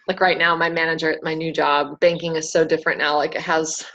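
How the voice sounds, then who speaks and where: Chatty woman on a lo-fi call. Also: a bit bright. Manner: chatty, laughs often, quotes herself in higher voice. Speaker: team call host. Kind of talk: casual team call chat. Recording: dull lo-fi call audio.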